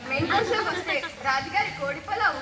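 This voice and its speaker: A woman in a comedy skit, boastfully listing dishes with loud exclamations. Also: very high-pitched, lively intonation, very fast. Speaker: skit performer. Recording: echoey, far from mic, loud crowd and noise.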